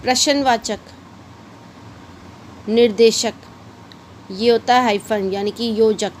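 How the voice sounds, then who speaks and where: Speaking slowly in a fairly high, steady voice, a woman with a Hindi-English mixed accent gives a casual shorthand lesson. She explains with patience and repeats her examples, and there's slight background noise.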